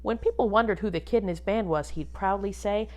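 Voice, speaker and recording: A music teacher reads a picture book aloud to her pupils in a mid-range voice, expressive in the way of a teacher. She pauses now and then to instruct the young listeners and ask them questions.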